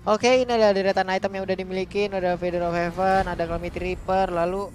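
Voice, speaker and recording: Loud music runs behind an Indonesian esports commentator with a mid-pitched voice. The delivery is live play-by-play in the manner of a fighting game announcer, excitable and full of repeated catchphrase calls. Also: fast.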